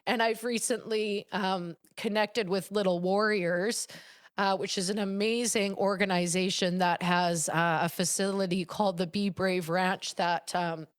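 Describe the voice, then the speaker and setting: Expressive woman coach talking warmly. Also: mid-range voice, measured pace. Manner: emotional, expressive, laughs often. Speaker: guest, coach and children's book author. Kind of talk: casual conversational interview.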